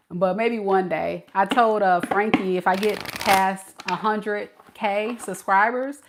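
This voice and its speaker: A woman's voice: medium pitch, fairly even intonation, slow, noisy background. A woman from California whose speech carries some Mississippi dialect, chatting casually with her live-stream viewers and laughing often. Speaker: tarot reader reading live chat.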